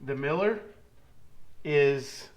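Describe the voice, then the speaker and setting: A man talks slowly and easily as he works in his home garage, walking through each step of a build. His voice sits a little higher than most men's. He is picked up by the camera mic in the shop. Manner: relaxed, explains work step by step while working. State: out of breath at times. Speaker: metal fabricator. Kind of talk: casual shop vlog talk.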